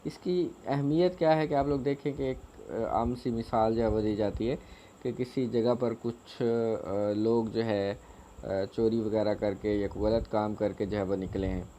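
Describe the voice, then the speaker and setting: A man teaching a grammar lesson, explaining slowly with many fillers and repeated phrases. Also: fairly low pitch, steady tone, dark tone, slight background noise.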